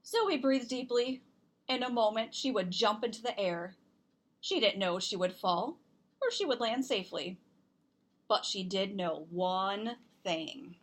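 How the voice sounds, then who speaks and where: A woman with a mid-range voice reads a children's picture book aloud as storybook reader and host. Her delivery is expressive and deliberate, stressing certain words.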